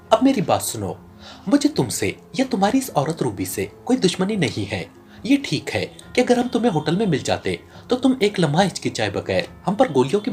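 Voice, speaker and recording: A cool, calculating male secret agent, as an audiobook narrator puts him on, speaks in a flat, icy voice. His threats come out level and unhurried. Light music plays faintly behind the reading. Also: medium pitch.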